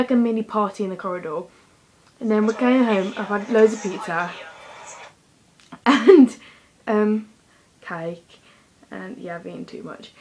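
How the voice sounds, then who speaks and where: A woman's voice: mid-range voice, darkish tone, poor audio. A teenage girl talking casually to her own camera in a chatty, rambling vlog with lots of fillers. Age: teens. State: slightly out of breath. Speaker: vlogger. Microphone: handheld device camera.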